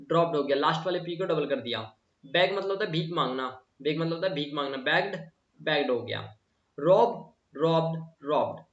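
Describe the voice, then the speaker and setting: A man teaches grammar in a slightly high voice. He repeats each word and asks the students questions. The sound comes from a distance in a room with strong echo, and it is dull. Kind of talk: classroom lesson.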